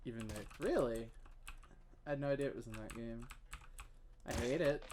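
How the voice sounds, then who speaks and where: A man's voice: medium pitch, normal speed, a little hiss or hum. A man from the Southern US with a Southern accent, rambling and joking through casual gameplay commentary while he streams. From Southern United States. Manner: rambling, self-mocking jokes, sudden excited squeals. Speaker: game streamer. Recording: clear keyboard typing and clicks behind.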